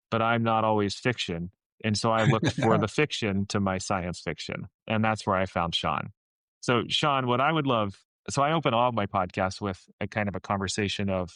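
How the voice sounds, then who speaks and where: Low-voiced male podcast host. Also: fairly bright tone, dry recording, rough recording. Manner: earnest, conversational, with restarts. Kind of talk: podcast interview.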